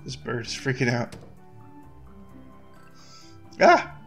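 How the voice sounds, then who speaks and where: A man giving relaxed commentary over a story game, quietly apologizing for the hard names. His voice sits in a middle register, with faint music underneath. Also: mid-range voice, measured pace, gravelly. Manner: offhand, apologetic asides. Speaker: game streamer. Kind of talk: casual let's-play commentary.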